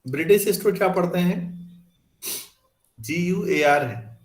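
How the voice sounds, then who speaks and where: A male teacher lectures his class in an easy, conversational way and keeps asking whether the students follow. His voice sits a little high. The classroom gives it a noticeable echo. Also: animated, slow pace. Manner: conversational, asks students questions. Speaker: math teacher.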